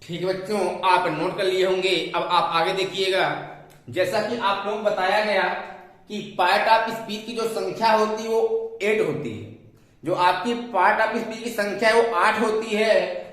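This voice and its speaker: A man's voice: high-pitched, a bit bright. A man teaching a grammar lesson with a Hindi accent, speaking to students and repeating points back to them as questions. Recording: very echoey room.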